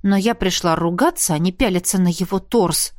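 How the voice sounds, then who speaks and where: A woman's voice: on the low side, moderate pace, no echo. Woman narrating a novel, dry close sound. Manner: even, steady storytelling reading. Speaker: audiobook narrator. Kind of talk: scripted first-person novel narration.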